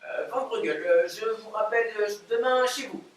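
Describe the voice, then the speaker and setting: A man's voice: high-pitched, moderate pace, close to an everyday voice. An actor playing a naive, clumsy, eager man in a stage play, hesitant and easily confused, recorded from far off in a very roomy theatre. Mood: bluffing. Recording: very roomy stage audio from far off, faint noise.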